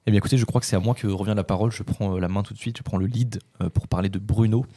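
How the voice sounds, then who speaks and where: A man's voice: lowish voice, fairly even intonation, rapid-fire, warm tone, husky, no echo. A man, co-hosting a casual podcast and rambling with many filler words. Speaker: podcast co-host.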